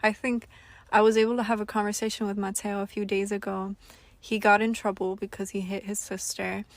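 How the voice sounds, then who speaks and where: A young woman co-hosting a podcast, chatting casually in an animated, gushing way. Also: mid-range voice, a little fast, no echo. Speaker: podcast co-host.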